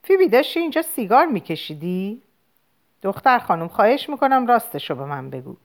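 A woman's voice: medium pitch, big pitch swings. A woman voicing a tired, stern but caring mother in an audiobook, speaking firmly and asking pointed questions. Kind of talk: audiobook character voice.

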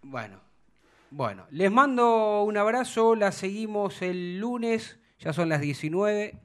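A man's voice: high voice, big pitch swings, takes it slowly, fairly bright tone. A man with an Argentine Spanish accent hosting a football talk show, arguing his points emphatically and acting out quotes. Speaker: radio sports show host.

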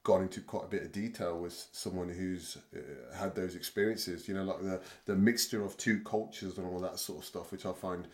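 Male podcast host, low voice, casual, hesitant and rambling. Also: moderate pace, few pauses. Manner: rambling, hesitant with many fillers and restarts. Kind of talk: casual chat.

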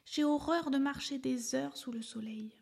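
A woman's voice: normal speed, vocal fry, a little mellow, husky, full character voice. A woman voicing a stubborn little boy elephant calf in a storybook, speaking in a childlike way as he talks to himself. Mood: musing. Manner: squeaky, childlike, talking to himself.

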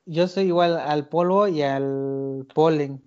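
A man's voice: fairly high pitch, slow, darkish tone, faint music behind. A man with a Mexican Spanish accent hosting a casual podcast chat, talking loosely with many fillers. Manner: chatty, hesitant fillers, laughs often. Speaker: podcast host. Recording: lo-fi recording.

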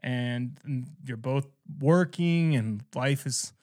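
A man's voice: medium pitch, slow, warm tone, no room sound, clean studio sound. A man from the American Midwest hosting a podcast interview, chatting casually, joking and laughing often. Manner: jokey, rambling, laughs often. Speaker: podcast host.

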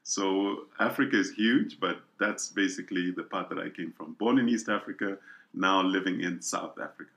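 Middle-aged man, guest sharing his testimony; low-pitched, earnest, circles back over words. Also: normal speed, creaky, a bit bright. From Kenya. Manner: earnest, repeats words as he thinks. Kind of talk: personal testimony in interview.

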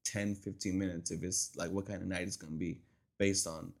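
A young man with a lowish voice chats casually as a podcast co-host. He tells his stories at an easy pace and acts out the voices of the people in them. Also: level tone, brisk, creaky. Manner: laid-back storyteller, mimics voices in anecdotes. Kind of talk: casual chat.

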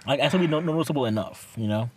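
Fast-talking young man, slangy and stumbling. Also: mid-range voice, slightly rough. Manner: slangy, excitable, repeats words and stumbles. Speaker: podcast co-host. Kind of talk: casual chat between friends, with swearing. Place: inside a car. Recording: noisy, recorded inside a car.

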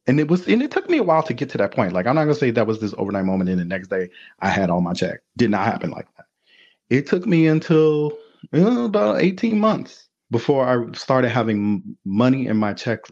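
A man telling his life story as a podcast guest, candid and animated, acting out other people's voices as he goes. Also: medium pitch, a little fast, husky. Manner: animated, acts out voices in quotes. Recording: dull lo-fi sound.

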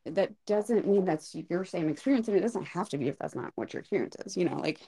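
A woman's voice: lowish voice, lively intonation, fast talker, warm tone, husky, no echo, studio quality. A woman co-hosting a podcast about hair styling, chatting casually and animatedly with lots of filler words. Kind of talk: casual chat.

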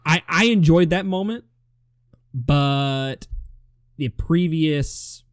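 A man co-hosting a casual movie review chat, relaxed and opinionated, often restarting his sentences. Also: fairly high pitch, drawn-out words, no room sound, clean studio sound.

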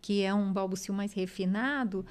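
A Brazilian woman speech therapist, a guest explaining child language milestones patiently, ending phrases with quick tag questions. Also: medium pitch, clean tone. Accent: Brazilian Portuguese. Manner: explains patiently, constant "né?" tags. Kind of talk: explanatory interview talk.

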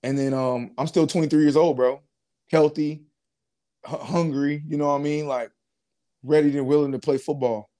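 This clip features a man in his twenties with a fairly high voice and a moderate pace. He's a former pro football player telling his story in a casual interview, relaxed and full of slang, with many fillers and restarts.

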